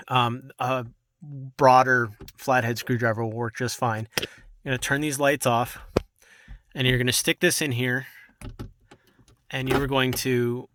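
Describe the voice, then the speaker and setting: A man's voice: mid-range voice, slight background noise. A young man hosting a casual how-to video, explaining step by step from inside a car while working with his hands. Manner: relaxed, chatty, talks while working with hands.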